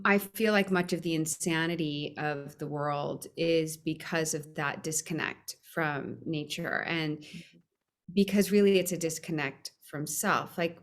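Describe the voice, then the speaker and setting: A woman host from Hawaii chats casually with her guest. She asks long, rambling questions in a friendly way, and her voice sits a little low. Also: clean tone. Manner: warm, chatty, rambling questions. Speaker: podcast host. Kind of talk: casual interview chat.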